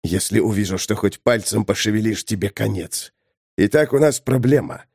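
A man reading an audiobook, voicing a cold, menacing male hired killer who speaks low and measured. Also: vocal fry, a little mellow, slightly rough, no room sound, studio quality. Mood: threatening.

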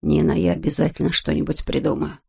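A determined, tender husband speaks in a low, hushed voice, as a woman reading aloud puts him on. He sounds stubborn and protective, quiet rather than loud. His lines come from a read-aloud story. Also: lively intonation, quick pace, gravelly, husky, heavily acted. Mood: tender, insistent. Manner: hushed, soft-spoken. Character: devoted middle-aged husband, strong, stubborn, tender.

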